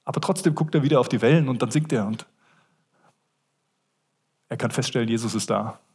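A man's voice: mid-range voice, a little fast, a little mellow, breathy edge. A man preaching a sermon as a pastor, speaking earnestly and addressing listeners directly.

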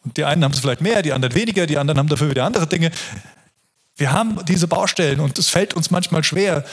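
A man's voice: on the high side, slightly rough. A man preaching a sermon in an earnest, reflective way, often restarting his sentences.

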